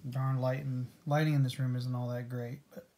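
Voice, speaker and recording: A man of middle pitch chats casually into a camera in a room at home. His talk is relaxed and rambling, and he trails off and restarts as he thinks aloud. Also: normal speed. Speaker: coin-collecting vlogger, co-host with his wife. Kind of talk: casual chat.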